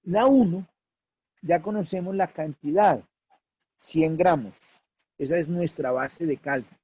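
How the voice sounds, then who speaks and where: A man teaching a worked problem as a lecture, slow and deliberate, repeating key figures. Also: on the high side, mellow, husky, muffled recording.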